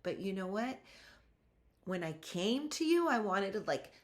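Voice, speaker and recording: A woman hosting a solo motivational podcast, talking straight to her listeners in an energetic, emphatic, chatty way. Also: medium pitch, unhurried. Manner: energetic, emphatic, rising to excited outbursts; chatty, addresses listeners directly. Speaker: podcast host.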